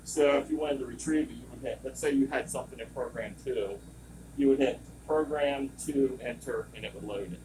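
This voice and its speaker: A brisk, medium-pitched man trains people on equipment in an informal, rambling style that keeps straying into digressions. He's a service technician working amid running lab machinery, and the far-off mic records loud compressor and vacuum pump noise.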